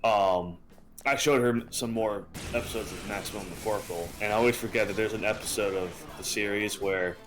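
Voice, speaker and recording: A man in his twenties co-hosting a game stream, telling meandering stories in a relaxed way with many fillers. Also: fairly low pitch, moderate pace, faint music behind. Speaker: streamer co-host. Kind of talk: casual chat while streaming a game.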